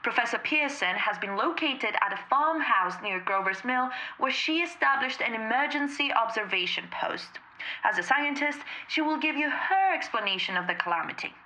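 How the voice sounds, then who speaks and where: A high, bright-voiced actress as a female announcer delivers measured, formal links in old radio drama style. The delivery is crisp emergency broadcasting. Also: rough recording.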